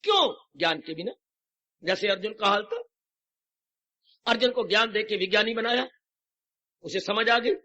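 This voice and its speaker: A man's voice: high-pitched, expressive, moderate pace, long pauses, bright, forceful tone. A man, a swami, giving a devotional sermon with emphatic rhetorical questions and English phrases mixed in, on an old lo-fi tape recording. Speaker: swami preacher. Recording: dull lo-fi 1990s tape recording.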